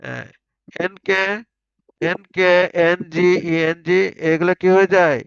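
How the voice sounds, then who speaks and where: A man's voice: high-pitched, creaky, smooth, no room sound. Man drilling pronunciation syllable by syllable. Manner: drills sounds slowly syllable by syllable, asks students to repeat. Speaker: English pronunciation teacher. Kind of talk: online spoken English class. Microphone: online video call. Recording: dull lo-fi online call audio.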